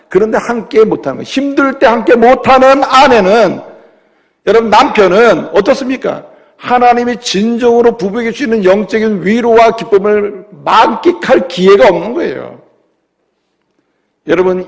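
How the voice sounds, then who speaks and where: Man, pastor, lively sermon, gravelly voice, church hall with long reverb. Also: high-pitched. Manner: lively preaching, asks the congregation questions, acts out quoted voices. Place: church sanctuary.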